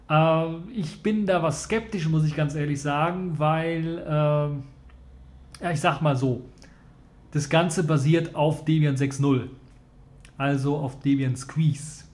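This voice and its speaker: A man's voice: a little high, a little mellow. A man hosting a casual tech news podcast, chatting loosely with lots of filler sounds and talking straight to his listeners. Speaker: podcast host.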